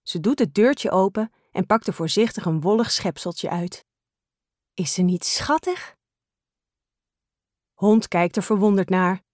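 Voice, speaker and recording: Brief: woman storyteller, lively read-aloud, dry close sound. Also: mid-range voice, measured pace, pauses often, dry recording. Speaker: storybook reader. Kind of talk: scripted children's story narration.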